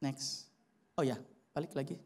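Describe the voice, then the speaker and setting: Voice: mid-range voice, fairly even intonation, a little slow, a little mellow. A pastor preaching a sermon and telling a story with animation, often addressing the congregation directly. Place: church service.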